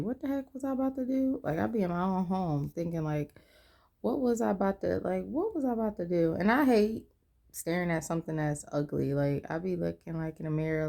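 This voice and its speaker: Speaking in a deep, warm voice with vocal fry, a weary vlogger in her twenties talks openly in a personal video. She wanders off track and loses her thread as she goes.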